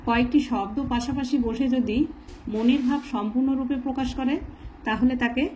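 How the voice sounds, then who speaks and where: A woman with a fairly high voice runs a slow, patient lesson for young children and spells each word out one letter at a time. Her explanations are plain and measured. A faint hiss sits under the recording. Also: fairly even intonation, warm tone, low-quality recording. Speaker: teacher. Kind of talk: spelling out words and explaining grammar. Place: at home, writing in a notebook.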